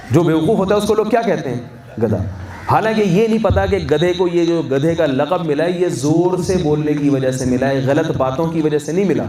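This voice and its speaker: Pakistani urdu accented guy preaching at a wedding, mellow voice, echoey far-off mic. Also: sits high. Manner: conversational, asks the audience questions and answers them himself. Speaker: Islamic scholar. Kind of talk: sermon at a wedding feast. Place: large hall at a wedding reception. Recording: echoey, distant mic, faint hum.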